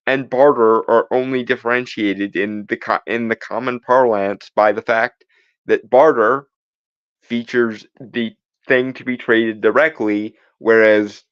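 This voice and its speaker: A man's voice: medium pitch, no echo, dull audio. Lecturing man rebutting on a podcast. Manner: lecturing, emphatic rebuttal with frequent restarts. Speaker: podcast co-host. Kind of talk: argumentative commentary.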